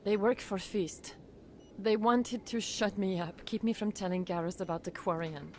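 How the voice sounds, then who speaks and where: A woman's voice: medium pitch, steady tone, normal speed, a little hiss or hum, natural voice. A woman playing an earnest, shaken clinic doctor in a video game. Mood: shaken, grateful.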